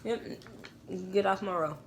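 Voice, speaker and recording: A woman's voice: mid-range voice, a little slow. A young woman hosting a casual mukbang at home, chatting directly to her viewers.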